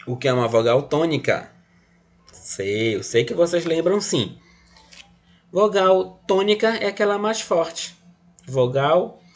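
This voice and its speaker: A man teaching a phonetics lesson. He patiently asks questions and answers them himself, counts letters aloud and often checks in with a quick "tá?". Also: fairly high pitch.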